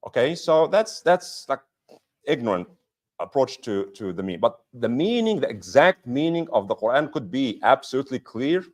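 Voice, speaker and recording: Speaking as an imam in a mosque lecture, a man explains things patiently, posing rhetorical questions and repeating key points for emphasis. His voice is medium in pitch with a sing-song lilt, and he talks at a normal speed.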